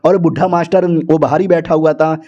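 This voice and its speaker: A man's voice: a little high, normal speed, lo-fi sound. Chatty man recapping a story. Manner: jokey, chatty, animated. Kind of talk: casual comedic story recap.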